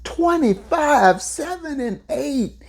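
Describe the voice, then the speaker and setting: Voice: sits high, animated, slow, vocal fry. A basketball podcast host giving solo sports commentary, talking straight to listeners and drawing out words for emphasis.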